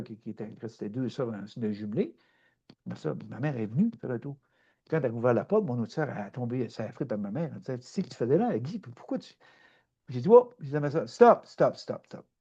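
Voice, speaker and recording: A middle-aged man with a Québécois French accent giving a spontaneous spiritual talk, animated and emphatic, often repeating himself. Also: medium pitch, breathy edge, highs cut off. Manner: animated, repetitive, swings between loud emphatic and soft. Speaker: spiritual speaker.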